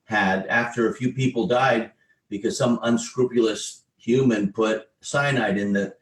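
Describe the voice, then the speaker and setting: A man's voice: mid-range voice, fairly even intonation, a little slow. Guy hosting a zoom webinar, reading questions out, sounds roomy and echoey. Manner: conversational, reads out questions. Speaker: host. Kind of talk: webinar moderation. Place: home in Australia or New Zealand. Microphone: video call. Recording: echoey room.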